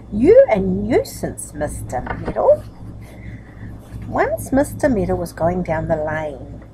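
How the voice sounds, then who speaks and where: In a rough recording with a little hiss or hum, a grandmotherly older woman speaks in a slightly high, somewhat mellow voice. She addresses young children in a chatty, nurturing way, slipping in tag questions, then moves on to reading stories aloud from books.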